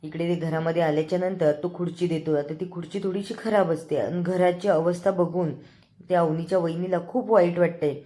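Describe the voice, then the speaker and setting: A woman host casually retells a TV serial episode in a chatty, running present tense. Her voice sits a little low for a woman, and she moves steadily from scene to scene. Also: fairly even intonation, fairly quick, dark tone. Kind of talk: casual storytelling recap.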